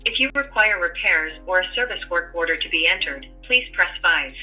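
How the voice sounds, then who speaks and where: A woman's voice comes through as a recorded phone menu message. Her tone is sharp and very bright, and she reads each scripted option at a slow, steady announcing pace. Faint music sits behind her. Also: on the low side, rough recording. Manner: slow, evenly paced, announcing.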